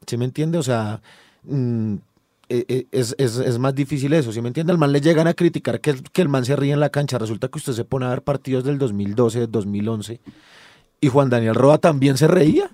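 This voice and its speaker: Mellow-voiced sports talker. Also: male voice, medium pitch, moderate pace, no echo, studio quality. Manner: explanatory, slangy asides. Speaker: sports talk co-host. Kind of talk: casual football debate.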